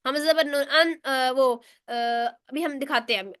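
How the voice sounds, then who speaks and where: A woman's voice: sits high, a little slow, sharp tone, no echo, studio quality. A woman teaching a recitation lesson online in speech, explaining step by step and answering her own questions.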